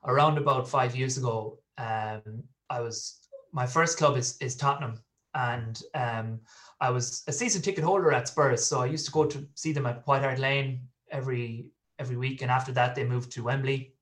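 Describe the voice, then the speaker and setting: A man of around thirty from Galway, in the west of Ireland, speaks with that region's accent in a medium-pitched, fairly bright voice at normal speed. He's a football fan appearing as a guest on a podcast, sharing personal stories in a relaxed interview.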